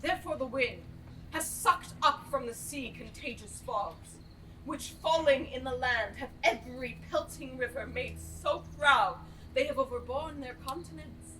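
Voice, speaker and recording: A woman's voice: high voice, unhurried, bright, forceful tone. A woman acting a proud, wrathful fairy queen in verse on stage, with a hammy, declamatory Shakespearean delivery. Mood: grave, imperious. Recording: distant mic, noisy stage recording.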